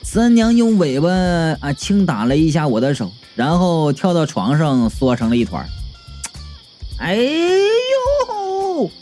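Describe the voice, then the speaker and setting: A man's voice: fairly high pitch, moderate pace, hardly any pauses, faint music behind. Playful, swooping male audiobook narrator. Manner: chatty, playful, with sudden lively swoops. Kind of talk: first-person comic audiobook narration.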